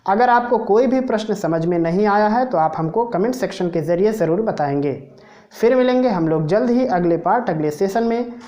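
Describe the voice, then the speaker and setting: A woman's voice: mid-range voice, expressive, brisk, warm tone. A woman teaching a math lesson, patiently talking through each step of a proof aloud. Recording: dull lo-fi recording.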